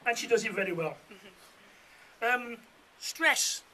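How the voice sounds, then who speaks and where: A man's voice: extremely high pitch, expressive, slow pace, pushed and bright, poor audio. A middle-aged man giving an informal, jokey father of the bride speech full of anecdotes. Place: room full of wedding guests.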